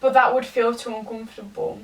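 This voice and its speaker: A young woman, tipsy, giving a rambling, halting confessional rant to a camera some distance away. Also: a little high, little pitch movement. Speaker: vlogger. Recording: distant from the mic.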